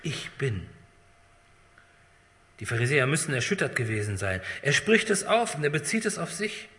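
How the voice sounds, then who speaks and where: A man preaching a sermon with dramatic swings between loud emphasis and hushed, drawn-out phrases. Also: on the high side, big pitch swings, a little hiss or hum. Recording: long hall reverb.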